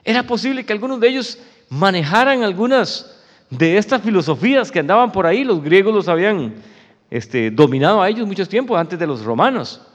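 A man's voice: sits high, big pitch swings, brisk, in a large hall. A male pastor preaching a sermon in an emphatic, conversational way, often calling his listeners "brother".

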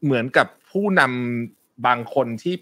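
A man on a talk show panel, talking in an animated way about world affairs and politely cutting in. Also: mid-range voice, breathy edge, no echo. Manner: lively, apologetic interjections, quick laughs. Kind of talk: casual discussion of current affairs.

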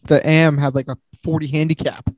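A man's voice: on the high side, level tone, a little fast. A man co-hosting a sports podcast, talking casually with lots of fillers. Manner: casual, filler-heavy talk. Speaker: podcast co-host.

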